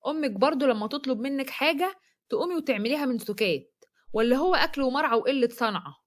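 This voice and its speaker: A woman's voice: high voice, lively intonation, fast talker. A woman with an Egyptian accent voicing a domineering older brother who scolds his sister. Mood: stern. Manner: reproachful, stern.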